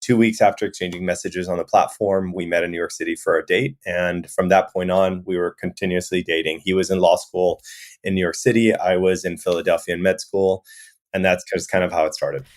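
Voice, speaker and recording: A man from Miami with a notably deep voice talks through an interview in a relaxed, conversational way. He strings his thoughts together loosely, with plenty of "you know" fillers as he goes. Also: a little fast. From Miami, USA. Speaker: guest, resort owner.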